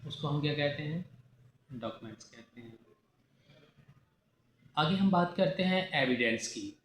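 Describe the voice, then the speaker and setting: Speaking a little slowly and with animation, the Pakistani law lecturer has a fairly high-pitched voice and a Pakistani accent. He blends English terms into his Urdu classroom lecture, restating key definitions and posing rhetorical questions, recorded in an echoey room with faint background noise.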